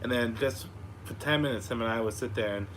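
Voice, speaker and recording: A young man speaks fairly quickly in a mid-range voice with a fairly bright tone, chatting frankly with viewers of his live Q&A and swearing as he rambles through stories. Recovering from sickness, his slightly raspy voice is starting to give out. Clearly audible background noise fills his upstairs room at home.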